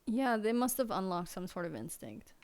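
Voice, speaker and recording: A woman's voice: mid-range voice, big pitch swings, moderate pace, a little mellow. A woman streaming from her desk at home, chatting casually and cooing soothingly to her cat. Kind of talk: casual live-stream chat.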